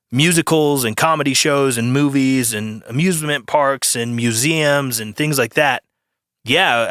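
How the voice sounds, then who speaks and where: A man hosts a solo podcast in a rambling, opinionated monologue full of fillers. His voice sits at an ordinary middle pitch. The sound is close and dry, with no room around it. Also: pushed and bright, no room sound. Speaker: podcast host.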